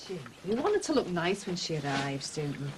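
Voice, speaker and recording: An actress playing a bossy, practical wife in a 1980s TV soap, on a hissy broadcast. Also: female voice, on the low side, big pitch swings, a little fast. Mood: nagging. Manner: bossy, nagging.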